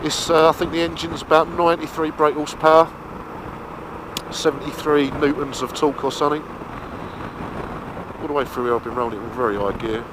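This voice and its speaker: A man with a fairly high, steady voice talks through a casual review while riding his motorbike, musing aloud in an unhurried, colloquial way. The helmet mic makes him sound muffled, and the wind and engine are plainly heard.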